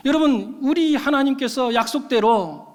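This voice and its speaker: A man delivers a sermon from the pulpit, his voice pitched very high and full of emphatic appeals to the congregation. The sound carries through a church sanctuary with a long, lingering reverb. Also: normal speed. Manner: emphatic preaching, calling out to the congregation. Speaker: pastor.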